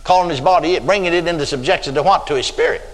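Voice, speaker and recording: A man's voice: fairly high pitch, quick pace. An older man with a Texan accent preaching a sermon, telling stories dramatically and drawing out emphatic words. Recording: long reverb of a church hall.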